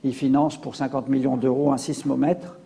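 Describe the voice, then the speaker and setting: A man's voice: medium pitch, flat delivery, moderate pace, vocal fry, warm tone, long reverb tail, a little hiss or hum. A man giving a public science lecture with slides, hesitant, with many fillers and restarts.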